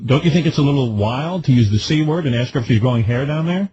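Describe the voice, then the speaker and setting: A man's voice: medium pitch, quick pace, dark tone, lo-fi sound. A man hosting a radio talk show, asking teasing, leading questions in playful banter. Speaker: radio host.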